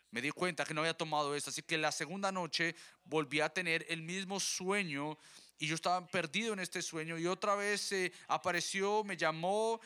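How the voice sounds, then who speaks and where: A man's voice: on the high side, bright, forceful tone, smooth. A man preaching a sermon, telling a conversion story and addressing the congregation as his brothers.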